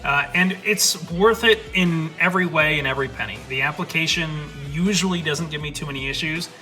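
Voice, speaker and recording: A young man streams excitedly through a tour of his home desk gear, rambling and swearing casually as he goes. His voice is slightly high and bright, close on a studio mic, with faint music under him. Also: fairly quick. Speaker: streamer showing his setup. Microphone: studio USB/XLR dynamic mic.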